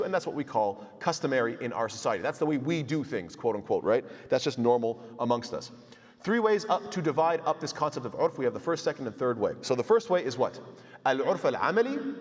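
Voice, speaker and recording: With a medium-pitched voice and a long reverb tail behind him, a man teaches Islamic law informally in a mosque hall. He keeps it conversational, tossing in Arabic terms and jokes, and plays out brief dialogues.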